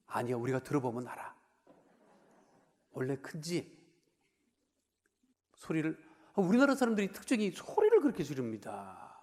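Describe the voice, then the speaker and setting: High-voiced pastor preaching in a reverberant church. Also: male voice, wildly swooping pitch, moderate pace, long pauses. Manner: conversational preaching, asks the congregation questions; swings between raised emphasis and quiet asides. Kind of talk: sermon. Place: church sanctuary. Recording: long reverb of a large church hall.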